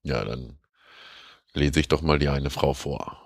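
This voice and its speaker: A man hosting a podcast, reading a story aloud and then grumbling about things in a relaxed, rambling way. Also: very deep voice, a little slow, creaky, slightly rough. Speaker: podcast host.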